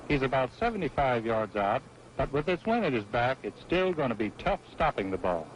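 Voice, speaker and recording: A man's voice: medium pitch, big pitch swings, fairly quick. A man giving golf commentary on a televised match in a folksy play-by-play manner. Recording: noisy old broadcast audio.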